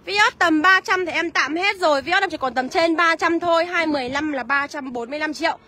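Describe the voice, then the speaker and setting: A woman selling used cars on a live walkaround, listing prices briskly and calling out to viewers by name. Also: extremely high pitch, sharp tone. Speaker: used car seller.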